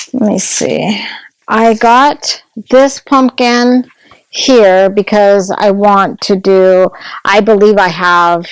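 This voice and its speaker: A woman's voice: lowish voice, dry recording, rough recording. A woman vlogging at home, chatting casually and gushing over a craft haul, sometimes dropping to a whisper.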